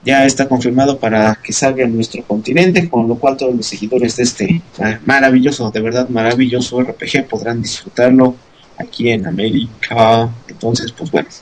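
A man's voice: mid-range voice, steady tone, moderate pace, rough recording. A man co-hosting a podcast, explaining game news in a rambling casual way with many fillers. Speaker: podcast co-host. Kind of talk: casual news segment chat.

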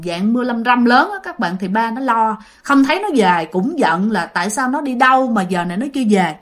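A woman tells a ghost story in a loose, chatty way. She fills the gaps with small sounds and keeps turning to speak to her listeners. Her voice sits fairly high. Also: fairly bright tone. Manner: chatty, many fillers, addresses listeners directly. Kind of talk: casual spoken storytelling.

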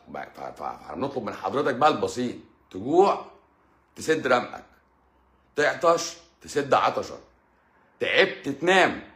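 A man's voice: on the low side, vocal fry, a bit bright, reverberant. A man with an Egyptian Arabic accent hosts a live stream as a doctor, answering viewer questions in a blunt, teasing, lecturing way.

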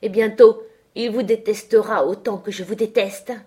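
A woman's voice: mid-range voice, normal speed, darkish tone, husky, natural voice. A woman doing a defiant, insolent young woman. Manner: bold, taunting retorts.

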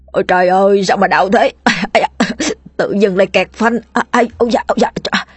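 A woman's voice: fairly low pitch, a little fast, breathy edge, no room sound, soft background music. A woman voicing a pompous, tipsy old man who poses as a holy master. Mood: groaning. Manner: lofty, then whiny and flustered.

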